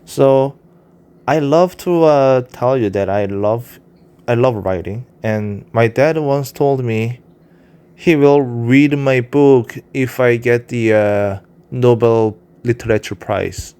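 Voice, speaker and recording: Slow, warm and smooth in a mid-range voice, a Korean-accented man addresses his cat in a casual, rambling vlog monologue. He's a vlogger and self-published writer for whom English is a second language, and he talks candidly with frequent fillers and restarts.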